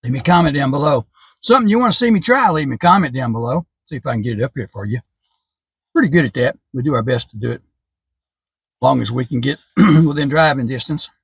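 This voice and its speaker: A man's voice: mid-range voice, lively intonation, brisk, creaky, breathy edge, dry recording. A man casually taste-testing a sandwich on his food vlog, chatting between bites. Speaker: food reviewer.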